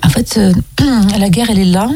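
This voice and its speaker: A woman's voice: medium pitch, normal speed, darkish tone, breathy edge, dry recording. A young woman from Russia, a film director, answering radio interview questions with many hesitant ums.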